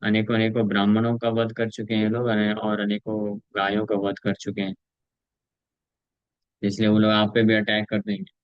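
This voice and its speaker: A man with an Indian accent leads a scripture class in a fairly low voice. He chants verses slowly, then explains them in a measured teaching tone with fillers. The recording is dry and a little dull. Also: completely flat delivery, clear, resonant tone, no room sound. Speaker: spiritual teacher. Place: temple lecture room.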